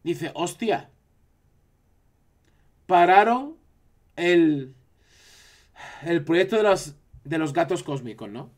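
A man's voice: fairly high pitch, lively intonation, slow, long pauses. A man from Spain with a Spanish accent, chatting casually on a live stream and reacting to his chat.

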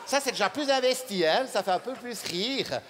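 Deadpan Swiss comedian on a big stage. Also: male voice, sits high, moderate pace. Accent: Swiss French. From Switzerland. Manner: deadpan, hesitant, many fillers. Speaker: stand-up comedian. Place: large theater stage. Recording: live hall with reverb and noise.

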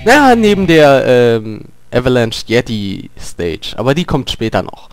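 A man commenting on his own gameplay, grumbling and cursing at the game, with loud yelps and outbursts whenever he gets hit. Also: medium pitch, very animated, unhurried, music in the background. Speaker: let's player. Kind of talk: gaming commentary.

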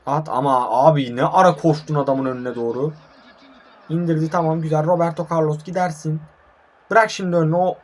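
Commentating live as he plays online football, a young man gets frustrated and swears, talking to himself and the viewers. His voice is fairly high and steady, and he speaks fairly quickly.

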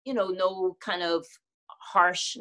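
Slow and a bit bright, her voice sits on the low side with fairly even intonation. The middle-aged singer speaks candidly and thoughtfully over a webcam video call from a home room with a clothing rack, laughing readily in this casual interview.

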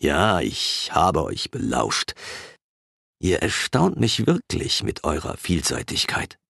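A calm, mysterious wanderer, voiced by a male audiobook narrator, measured and unhurried in every phrase. The voice sits deep and low but moves with lively inflection. The audiobook recording is dry and close, with no room sound. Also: creaky, slightly rough, no echo, heavily acted. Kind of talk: audiobook character reading.

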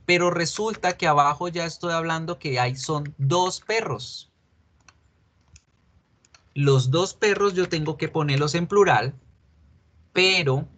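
Slow, patient male teacher. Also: a little high, a bit bright. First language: Spanish. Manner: patient, repeats and asks students questions. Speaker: English teacher. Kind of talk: online class explanation.

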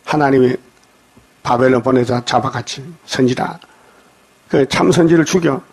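A man preaching a dawn sermon, reading verses and scolding his listeners, often checking in with a quick "eh?". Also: medium pitch, gravelly, husky. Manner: scolding, jokes at the congregation. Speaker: pastor. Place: church.

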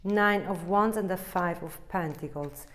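A woman's voice: lowish voice, a little slow. Rambling woman doing a tarot reading. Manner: rambling, searches for words, laughs at herself. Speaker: tarot reader.

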